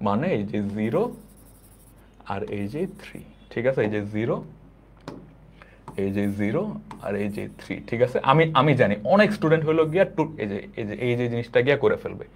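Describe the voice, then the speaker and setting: A man's voice: medium pitch, expressive, brisk, a little hiss or hum. A young man from Bangladesh, teaching a live online math lesson with insistent repetition and English terms mixed in. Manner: repetitive, emphatic, mixes English terms into speech. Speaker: math tutor.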